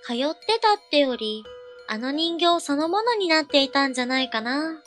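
Woman acting teasing girl cousin, high-pitched, composed, casual matter-of-fact delivery, horror story, faint music behind. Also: animated, normal speed, a bit bright. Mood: knowing, teasing. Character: eerily composed older female cousin, teasing, knowing. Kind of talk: horror story audio drama dialogue.

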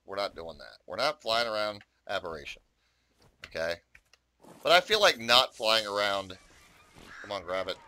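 A man's voice: on the low side, sharp tone. A man giving casual, rambling commentary on his own gameplay, chatting to viewers and swearing often. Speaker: gaming YouTuber.

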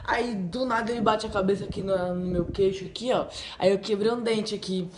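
A man's voice: high-pitched, brisk, noisy background. A man telling funny personal stories in a casual, rambling vlog at home, full of fillers. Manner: excitable, rambling, full of "tipo assim" and "né". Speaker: channel host. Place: at home by a wall indoors.

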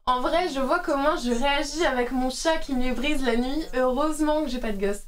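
A woman in her thirties with a bright, high voice rambles casually to her live-stream viewers, full of fillers and little asides. She sounds worn from sleepless nights, and her voice sits a step back from the microphone. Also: moderate pace, distant mic. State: tired from night feedings. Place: at home, doing yoga on stream.

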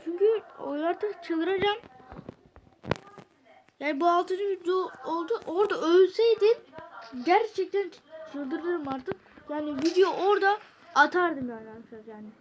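A woman's voice: sits high, background noise. A woman hosting a gaming channel, commenting on a mobile game while venting her exasperation to viewers.

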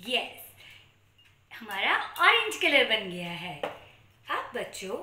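A woman's voice: fairly high pitch, huge pitch swings, slow pace, bright, forceful tone, a little hiss or hum. A woman in her thirties with an Indian accent, a kindergarten teacher presenting a children's lesson in sing-song, questioning teacher talk with playful kids' magician patter. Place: small room at home, indoors. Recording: echoey small room.

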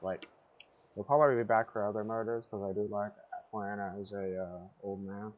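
A man's voice: on the low side, fairly even intonation, a little fast. A man giving gameplay commentary, rambling through confused asides to himself. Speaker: gamer.

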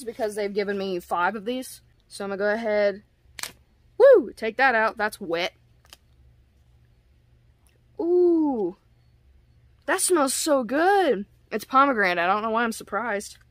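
A woman's voice: mid-range voice, a bit bright, dry recording. A woman casually reviewing skincare products on a vlog, giggly, self-deprecating and rambling.

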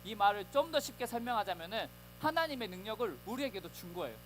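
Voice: mid-range voice, sing-song, quick pace, fairly bright tone, a little hiss or hum, low-quality recording. A preacher giving a children's Sunday sermon, storytelling animatedly and acting out voices.

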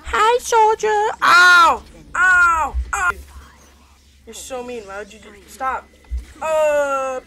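Chatty woman narrating her gameplay. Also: mid-range voice. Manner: rambling, chatty, talks to viewers between plays. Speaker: gaming video creator. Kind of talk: gameplay commentary.

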